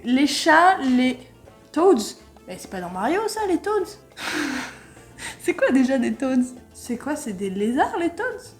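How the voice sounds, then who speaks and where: A woman vlogger chatting casually and jokingly as she takes an online quiz, laughing often and reading English words aloud with a loose accent. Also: sits high. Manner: playful, jokey, laughs often. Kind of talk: casual commentary while taking an online quiz.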